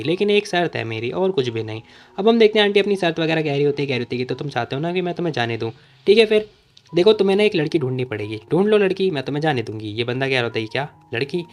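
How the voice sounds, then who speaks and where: A man casually recapping a comic story, chatty and jokey, with quick asides to listeners and voices for each character. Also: fairly high pitch. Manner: chatty, jokey, keeps calling listeners brother. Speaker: manhua recap narrator.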